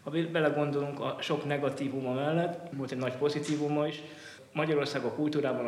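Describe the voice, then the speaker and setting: Echoey male interview guest, discursive talker. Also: medium pitch. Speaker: guest, football historian and author. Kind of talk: reflective interview talk. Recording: echoey, reverberant room with clear noise.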